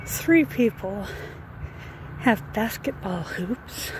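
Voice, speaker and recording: An older woman vlogging casually while walking down a residential street, a little out of breath, chatting slowly and musing about what she sees. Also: mid-range voice, animated. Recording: outdoor noise and passing cars.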